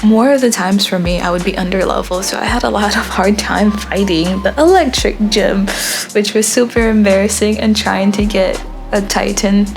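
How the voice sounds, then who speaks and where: A young woman artist from Florida chatting casually in a rambling, relaxed voice-over while she draws, with frequent ums. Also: medium pitch, moderate pace, gravelly, faint music behind. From born in Haiti, grew up in Florida. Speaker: artist vlogger.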